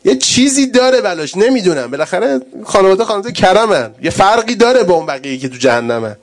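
A man preaching a sermon with great passion, rising to loud urgent cries and dropping to hushed, tender speech. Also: high-pitched, sing-song.

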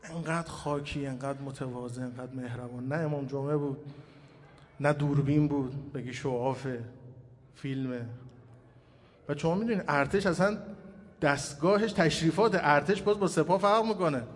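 A man, a cleric, giving a sermon full of personal memories, swelling loud and then dropping soft. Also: on the high side. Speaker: cleric speaker. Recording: hall reverb with faint ambient noise.

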